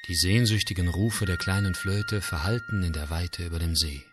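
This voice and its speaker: A man narrating a storybook tale in an expressive, animated reading. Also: low-pitched, normal speed, loud music behind the voice. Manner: lively, animated reading with acted voices.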